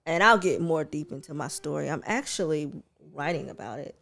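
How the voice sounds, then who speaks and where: A woman in her late thirties co-hosts a casual podcast, telling her life story candidly and with animated slang. Her voice sits low and has a gravelly edge. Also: fairly quick. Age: 30s. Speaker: podcast co-host. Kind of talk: casual chat.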